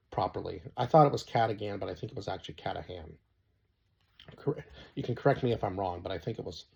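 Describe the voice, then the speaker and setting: A young man talks through a show review in a loose, rambling way, pausing with fillers and hunting for names. His voice sits low and has a husky edge. The recording is dull and lo-fi. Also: dark tone. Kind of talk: casual spoken review.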